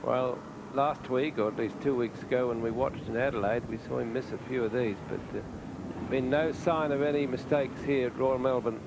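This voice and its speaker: A man's voice: mid-range voice, fairly even intonation, moderate pace, creaky. A man giving conversational television commentary on golf. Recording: noisy outdoor 1980s TV broadcast.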